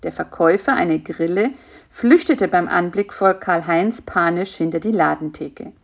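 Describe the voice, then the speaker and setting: A woman narrating a children's storybook in an even, gentle reading voice. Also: fairly low pitch, moderate pace, gravelly.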